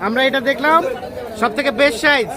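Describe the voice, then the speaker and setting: A Bangladeshi man talks quickly in a high voice as he casually interviews vendors. He echoes their answers back, with a clear market crowd behind him. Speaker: vlogger interviewing sellers. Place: outdoor fruit market.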